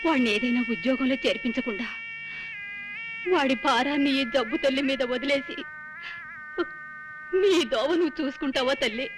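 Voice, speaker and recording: A woman's voice: high-pitched, normal speed, pauses often, music in the background, natural voice. An actress playing a sickly, hard-of-hearing old mother who complains fretfully in a film drama. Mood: pleading. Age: older.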